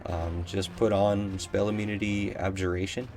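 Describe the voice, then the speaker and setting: A man's voice: lowish voice, little pitch movement, normal speed. A young man giving casual gameplay commentary, rambling and unsure, with many ums. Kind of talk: casual let's play commentary.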